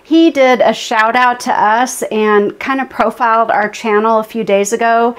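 A woman's voice: fairly high pitch, steady tone, measured pace. A woman in her forties co-hosts a homesteading channel, talking to camera in her kitchen in a friendly, upbeat way. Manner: friendly, upbeat, direct address. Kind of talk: scripted explainer to camera. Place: home kitchen indoors.

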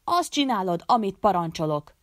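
A woman reading an audiobook voices a harsh, domineering older male sheikh who barks orders and shouts. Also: medium pitch, animated, no room sound, studio quality, lightly acted. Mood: furious.

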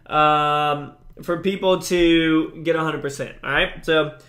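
A slightly high, fairly bright voice belongs to a young man who speaks slowly and steadily while commenting on a mobile game. The YouTuber keeps it chatty and positive, with plenty of fillers and restarts.

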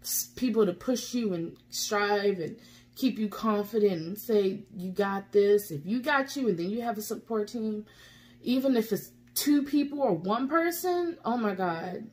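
A woman's voice: mid-range voice, lively intonation, measured pace, a little mellow. Tearful woman vlogger speaking from the heart. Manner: heartfelt, rambling, encouraging. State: tearful, emotional. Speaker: YouTube reaction vlogger. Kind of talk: emotional casual vlog talk.

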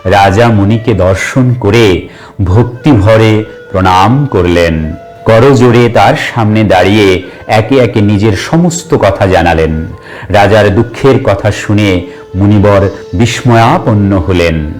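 A man reading a devotional scripture passage in a slow, measured, recited way. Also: fairly low pitch, darkish tone, faint music behind. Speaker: religious narrator.

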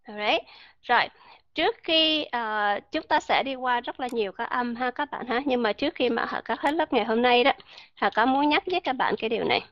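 Higher-voiced woman teaching pronunciation. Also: expressive, a little fast, no room sound. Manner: calls herself by name, quizzes the class. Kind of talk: classroom lecture. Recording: dull lo-fi dry recording.

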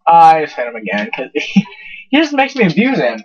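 A young man commentating his own gameplay, swearing a lot and yelling in frustration at a companion character. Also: a little high, huge pitch swings, brisk, lo-fi sound, very noisy. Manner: profane, yells in frustration at a companion. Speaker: gamer playing.

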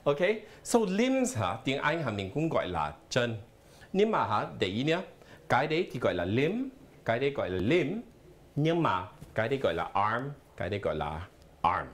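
A man's voice: mid-range voice, big pitch swings, normal speed. A man teaching a live televised language lesson in a studio, explaining patiently and spelling words out letter by letter. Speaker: English teacher.

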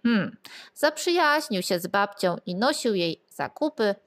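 A woman reading a fairy tale aloud to children, expressive and lilting, sometimes asking the listeners questions. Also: mid-range voice, measured pace. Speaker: storyteller.

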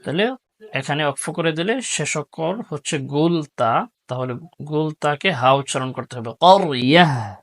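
A man teaching tajweed recitation, spelling out letters syllable by syllable and then reciting each word slowly and drawn out, with quick low-key explanations in between. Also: lively intonation, a bit bright.

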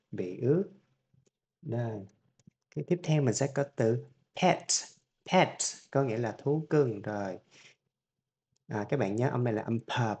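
Man, vietnamese accent, english teacher, patient phonics drill, middle pitch, dull lo-fi sound. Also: warm tone. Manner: drills each sound several times, then explains it patiently. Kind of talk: phonics lesson, repeating words slowly.

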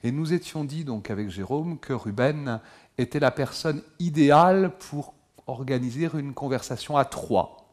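Middle-aged guy, historian, polite formal talk to a crowd in a lecture hall, measured delivery. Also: medium pitch, darkish tone. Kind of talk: formal public address.

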